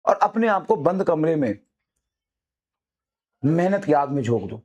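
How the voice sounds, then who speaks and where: A man, a teacher, giving a fiery motivational talk to students, repeating his urgings over and over and dropping low and soft for emphasis. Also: big pitch swings, a little slow. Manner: fiery, repetitive exhortations.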